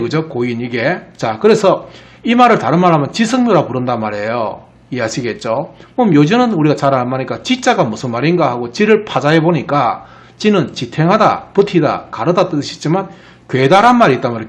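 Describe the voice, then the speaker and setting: Male lecturer, Gyeongsang accent, fairly high voice with swooping intonation, keeps asking "right?". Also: big pitch swings, fast. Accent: Gyeongsang Korean. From Gyeongsang region of Korea. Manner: explains with frequent rhetorical questions. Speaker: etymology lecturer. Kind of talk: lecture over slides.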